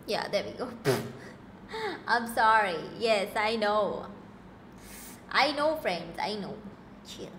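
Woman streamer, bright tense voice, unhurried, giggly and chatty with viewers. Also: mid-range voice, expressive, a little hiss or hum. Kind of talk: casual live-stream gaming chat.

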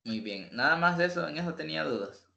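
Guy teaching english online, patient, explains stuff slowly, kinda muffled call audio. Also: on the high side, lively intonation, creaky, sharp tone. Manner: patient, explains slowly, mixes English examples into his talk. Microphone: video call.

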